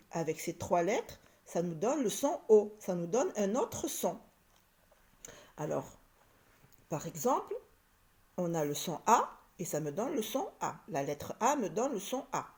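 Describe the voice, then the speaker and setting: Lively, patient woman teacher. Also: mid-range voice. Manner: slow, patient, repeats each point and sounds out letters. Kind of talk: classroom reading lesson.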